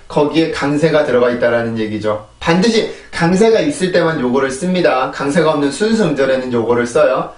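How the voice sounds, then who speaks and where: A man's voice: on the high side, echoey room, distant mic. A man giving a patient pronunciation lesson, explaining each sound and repeating it for practice. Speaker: English pronunciation teacher.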